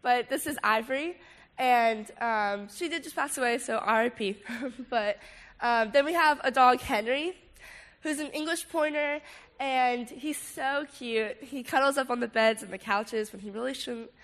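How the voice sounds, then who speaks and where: A woman's voice: on the high side, unhurried, fairly bright tone. A woman in her late teens with a congested, stuffy nose, giving an informal, casual testimony talk to a group while sick. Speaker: student speaker at a youth ministry gathering.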